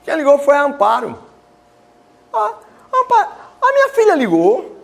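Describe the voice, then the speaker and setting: A man's voice: very high-pitched, wildly swooping pitch, normal speed, creaky, voice pushed up, heavily acted. A man imitating his confused elderly mother, who has lost much of her memory.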